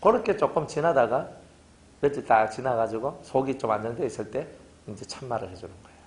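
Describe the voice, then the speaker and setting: A pastor giving a casual sermon, telling stories and acting out both sides of conversations. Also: male voice, medium pitch, a little fast. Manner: lively storytelling preacher, acts out dialogue.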